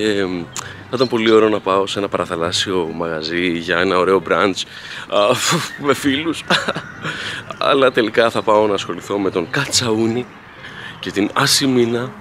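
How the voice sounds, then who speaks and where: A man's voice: mid-range voice, a bit bright, slight background noise. A man vlogging his workday as a video editor at a TV station, chatting casually to his camera with playful, joking asides. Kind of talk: casual vlog chat. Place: TV station, walking to the control room. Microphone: handheld camera.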